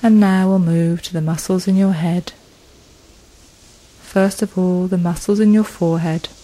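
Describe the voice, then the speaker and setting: A woman guides a progressive muscle relaxation session. Her voice sits low and mellow, and she speaks very slowly and soothingly, letting long pauses fall between phrases. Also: steady tone, low-quality recording.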